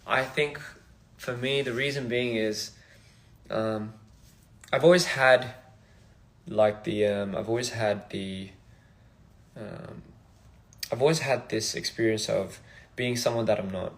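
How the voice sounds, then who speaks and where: A young man from Australia chatting casually on a phone livestream, soft-spoken and reflective, drifting between thoughts. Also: lowish voice, slow pace, pauses often. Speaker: musician livestream host.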